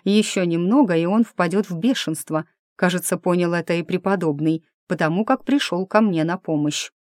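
A woman's voice: on the low side, normal speed, a little mellow, no room sound, studio quality. A woman narrating a first-person audiobook in a wry, ironic manner.

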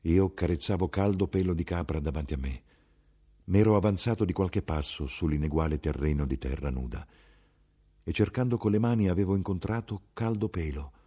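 A man giving a measured, expressive literary reading of a novel. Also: low-pitched, breathy edge. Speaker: audiobook reader. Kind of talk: scripted literary narration.

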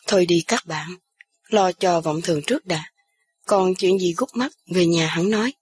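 A woman's voice: on the low side, normal speed, a little mellow, slightly rough. A woman voicing a placating young man. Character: young man, peacemaking friend.

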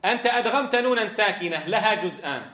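A man's voice: high-pitched, expressive, fast, sharp tone, roomy sound. A man teaching Quran recitation, asking students questions and demonstrating sounds. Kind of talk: tajweed lesson.

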